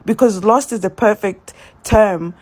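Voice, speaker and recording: A woman's voice: medium pitch, unhurried, darkish tone. A woman speaking earnestly in reflective, spiritual commentary.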